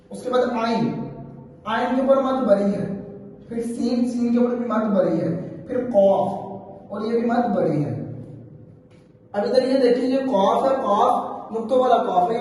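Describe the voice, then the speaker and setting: High-voiced male teacher in an echoey room. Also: a little mellow. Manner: explains patiently, then chants the letters in long drawn-out tones. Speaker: Quran reading teacher. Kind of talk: step-by-step recitation lesson. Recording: echoey, distant mic with faint room noise.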